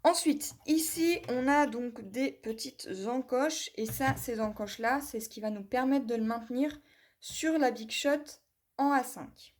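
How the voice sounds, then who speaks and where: Woman, craft vlogger, hands-on tool demo, slightly high voice, unhurried, chatty step-by-step. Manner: chatty, talks viewers through each step with many "voilà" and "hop"; apologetic about her English pronunciation. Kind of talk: hands-on product demonstration.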